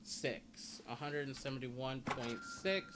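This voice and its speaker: Speaking slowly in a medium-pitched voice, this male gaming guide creator walks through a relaxed video game guide, reading stats aloud while he explains. The recording carries clear background noise made up of game sounds and ambience.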